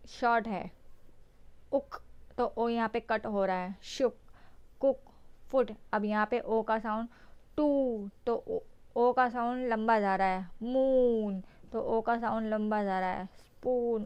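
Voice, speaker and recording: A woman's voice: medium pitch, darkish tone, clean tone. A woman hosting a phonics lesson for parents, spelling words out letter by letter. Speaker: teacher and channel host.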